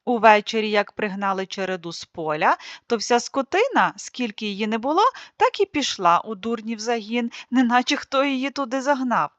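A woman narrating a classic folk tale as an audiobook, with a lively expressive reading. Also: fairly high pitch, moderate pace, hardly any pauses, dry recording. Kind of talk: storytelling narration. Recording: dry, slightly muffled studio read.

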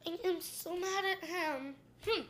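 A woman's voice: very high-pitched, very noisy. A young girl in a casual food vlog at home, chatty and giggly, often saying sorry, talking into a camera mic. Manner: chatty and giggly, quick to apologize. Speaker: vlogger. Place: home, indoors.

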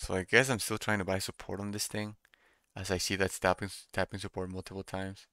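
A young man doing casual live trading commentary, thinking out loud and repeating his phrases as he muses. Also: low-pitched, flat delivery, brisk, clean tone, dry recording, studio quality. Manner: repeats phrases while musing to himself. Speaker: day trader streaming live. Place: small room indoors at a computer desk.

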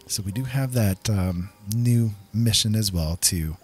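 His voice is lowish with a breathy edge, and he talks a bit slowly. As a gaming video host, he gives laid-back commentary and muses aloud during the playthrough, backed by the game's soundtrack music.

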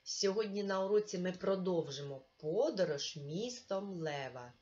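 A woman's voice: on the low side, expressive, darkish tone. A woman teaching a remote lesson to young children, patient and encouraging and speaking straight to the pupil. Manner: slow, patient, encouraging, addresses the pupil directly. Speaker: primary school teacher. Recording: dull lo-fi recording.

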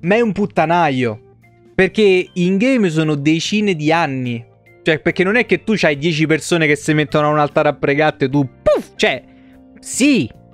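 With soft music playing behind him, a young Italian man streams games from a home room, speaking into a close desk mic. His voice is fairly high and lively, at a normal pace, as he rambles casually, swears freely, and repeats words for emphasis in livestream chat.

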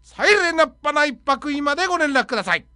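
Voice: high voice, sing-song, fast, pushed and bright, no room sound, studio quality. A radio host running a comic segment, punning and jumping between voices.

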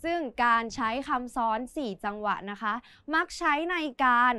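Bright crisp woman teaching a lesson. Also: on the high side, lively intonation, no echo. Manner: patient, encouraging, coaxes students to guess; reads example words slowly and with stress. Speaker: Thai language teacher. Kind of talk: online lesson for teens.

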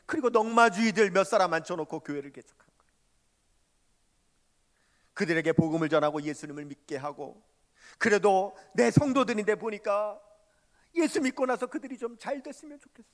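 A man's voice: high voice, fairly bright tone. A male pastor preaching a sermon and telling a story with emphatic, dramatic delivery. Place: church sanctuary. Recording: long church hall reverb.

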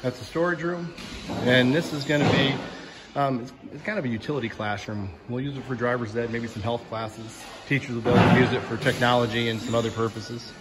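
A school superintendent narrates an unscripted indoor walking tour in a plain, matter-of-fact manner, recorded on the handheld phone he carries. He speaks fairly quickly in a steady, mid-range voice. The background is loud with building-site noise.

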